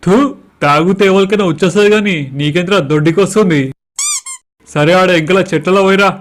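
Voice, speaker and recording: A man's voice: high voice, fairly quick, slight background noise. A man, swearing through brash banter in a comic skit. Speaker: comedy skit performer. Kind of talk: crude comic skit dialogue.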